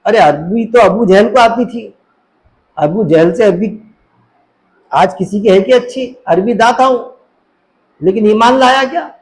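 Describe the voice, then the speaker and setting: A man's voice: high voice, darkish tone, poor audio. A middle-aged man giving an informal religious talk, full of rhetorical questions. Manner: conversational, rhetorical questions, mimics voices in anecdotes. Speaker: Islamic preacher.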